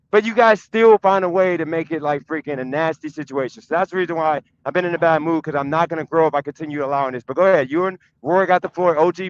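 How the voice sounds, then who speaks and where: A man's voice: fairly high pitch, highs cut off. A man hosting a livestream, speaking off the cuff in a frustrated, insistent way and repeating himself as he makes his point. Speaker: livestream host. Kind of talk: unscripted address to guests.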